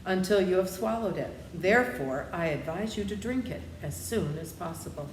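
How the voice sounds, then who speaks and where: A woman's voice: on the low side, animated, normal speed, natural voice. A woman voicing a kindly little humbug wizard, a cheerful man, as she reads a storybook. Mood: breezy, reassuring. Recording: roomy echo, clear background noise.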